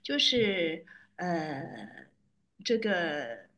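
A woman's voice: on the low side, very animated, extremely slow, a bit bright, lo-fi sound. A woman church member in casual chat, modest and playful, laughing often as she talks.

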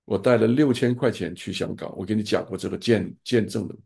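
Gravelly low-voiced older male pastor. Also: brisk, a little mellow. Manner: earnest, fatherly advice-giving. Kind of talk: pastoral sharing in an online group.

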